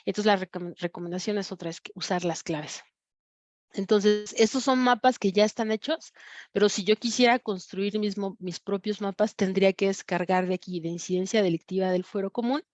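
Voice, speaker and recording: A woman with a Mexican Spanish accent teaching an online class, pausing often with fillers and correcting herself as she explains her screen. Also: medium pitch, darkish tone, no echo, dull audio. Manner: many fillers and self-corrections. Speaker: course instructor. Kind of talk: screen-sharing lecture on crime data.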